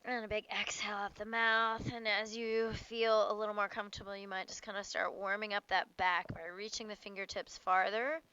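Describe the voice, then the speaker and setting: Female yoga instructor, casual and playful, cueing moves and breath in short phrases; crisp, bright voice, dry sound. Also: mid-range voice, flat delivery, normal speed, few pauses, no room sound, highs cut off. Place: outdoors.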